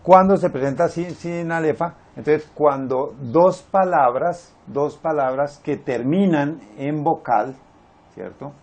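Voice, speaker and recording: Slow-paced male teacher counting syllables. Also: fairly high pitch, darkish tone. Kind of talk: recorded Spanish grammar lesson.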